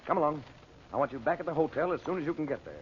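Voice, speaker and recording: Actor as commanding American magician hero, vintage radio. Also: male voice, a little high, expressive, natural voice. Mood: firm, urgent. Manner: brisk, authoritative. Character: Frank Chandler, commanding American magician and protective uncle. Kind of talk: old-time radio adventure serial acting. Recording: dull, noisy old radio recording.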